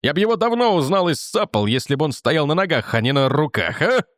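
A man voicing an angry, boastful male guard who shouts and speaks with theatrical scorn. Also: a little high, very animated, a little fast, no echo, studio quality.

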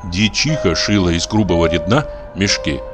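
A man with a very deep voice narrates a literary story for an audiobook. His delivery rises and falls with lively expression. Soft music plays faintly beneath. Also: normal speed.

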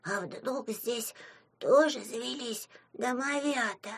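Chubby little boy house sprite, soft and drawn-out, woman reader. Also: sits high, lively intonation, husky, pitched above the performer's own voice, exaggerated voice. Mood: wondering.

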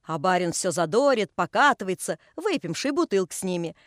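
A woman's voice: lowish voice, big pitch swings, a little fast, no room sound, clean studio sound. A woman voicing a pious old male carpenter who scolds and tells long folksy stories. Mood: reminiscing. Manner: folksy, chiding.

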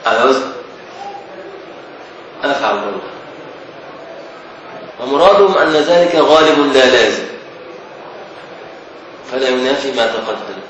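A man with an Egyptian accent teaching a classical text as a sheikh, explaining slowly, repeating key words and questioning his students. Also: medium pitch, fairly bright tone, lo-fi sound. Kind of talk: Islamic scholarly lesson. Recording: echoey distant recording with noise.

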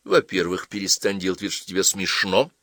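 A stern, earnest young man who speaks with stiff formality, as an audiobook reader plays him. His voice sits low, and the sound is dry and close. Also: a little fast, fairly bright tone, no echo.

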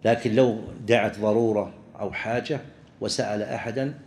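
A man, a religious teacher explaining a legal text to students, halting and often restarting his words. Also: fairly low pitch, darkish tone, a little hiss or hum. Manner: halting, with frequent restarts and pauses.

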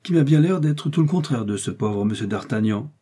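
A man's voice: medium pitch, lively intonation, a little fast, dark tone, husky, voice pushed up. Ketty, a man doing a naive young maid. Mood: gossipy. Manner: eager, breathless exclamations. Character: young chambermaid, naive and infatuated.

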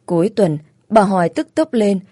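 A woman reading a first-person romance story aloud in a steady, plain storytelling manner. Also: medium pitch, normal speed, dry recording, clean studio sound. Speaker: story narrator.

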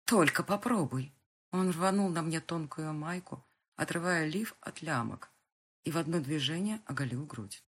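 Husky woman narrating an audiobook. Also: low-pitched, normal speed. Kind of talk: first-person fiction narration.

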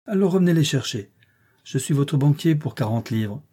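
Male narrator doing wealthy teasing gentleman, audiobook, mellow raspy tone. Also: fairly high pitch, animated, normal speed, voice pushed up. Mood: brusque. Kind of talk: audiobook reading.

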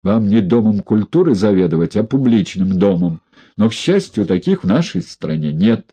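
A man's voice: on the low side, sing-song, normal speed, warm tone, husky. A man voicing a stern, contemptuous party inspector. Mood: mocking. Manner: stern, cold, mocking.

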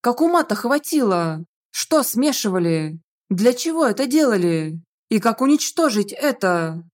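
A stern middle-aged rector of a magic academy, exasperated with his daughter. He scolds in measured, weary bursts, read by a woman narrator. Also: fairly high pitch, big pitch swings. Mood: scolding.

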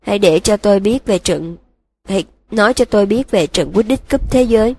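A calm old male headmaster wizard, read by a woman, asks his questions quietly and gently. The voice is husky and breathy. He sits at a middle pitch in a storybook audiobook. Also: brisk. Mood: gentle. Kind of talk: audiobook reading.

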